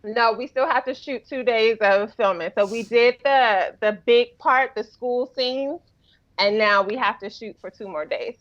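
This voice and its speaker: Animated woman, dull lo-fi sound. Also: on the high side, measured pace. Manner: animated storyteller, acts out quotes with laughter. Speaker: filmmaker guest. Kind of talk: casual podcast chat.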